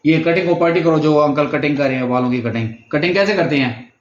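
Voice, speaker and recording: In a muffled, echoey room, a male therapist from Pakistan talks fast in a voice on the high side, conducting a speech therapy session with commentary. He stays patient, repeating prompts and giving praise often. A slight hiss or hum is audible.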